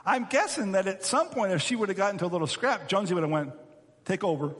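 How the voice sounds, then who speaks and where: Animated male pastor in a reverberant hall. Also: high voice, racing, slight background noise. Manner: animated, emphatic, repeats words. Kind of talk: sermon.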